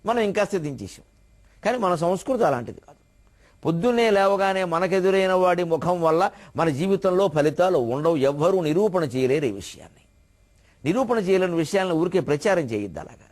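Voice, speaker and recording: An older man delivering a devotional discourse in a fairly high voice. He swings between soft, low asides and loud, emphatic points, and now and then slips into chanted verse. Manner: expressive, rising and falling in pitch and volume, quoting and chanting verses. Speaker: spiritual speaker. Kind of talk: Telugu religious discourse.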